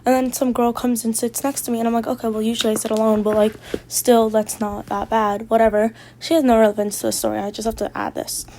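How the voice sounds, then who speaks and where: A woman's voice: fairly high pitch, mellow. A teenage girl ranting casually about her day, exasperated and rambling, with lots of fillers. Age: teens. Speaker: vlogger. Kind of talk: casual rant vlog.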